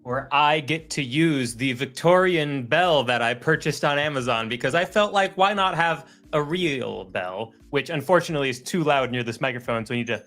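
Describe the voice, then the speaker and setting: A man's voice: mid-range voice, animated, normal speed, few pauses, fairly bright tone, faint music behind. A man co-hosting a podcast, joking in a wry, self-mocking way. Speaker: podcast co-host. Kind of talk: casual podcast banter.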